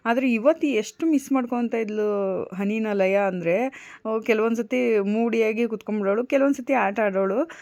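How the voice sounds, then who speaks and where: A young adult woman in a casual home vlog, talking in a gentle, coaxing and reassuring way as a mother soothing her child. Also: a little high, moderate pace.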